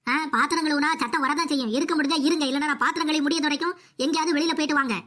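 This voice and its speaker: A woman's voice: high-pitched, fairly even intonation, rapid-fire, fairly bright tone. A woman voicing a defiant, cheeky young daughter-in-law in a cartoon comedy. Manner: sassy, talks back.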